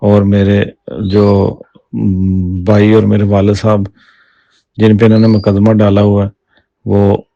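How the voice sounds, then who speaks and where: A Pakistani man with an Urdu accent makes a measured appeal in a recorded audio message. He speaks very slowly in a low, flat, dark voice. The audio is dry, dull and lo-fi. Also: gravelly, dry recording.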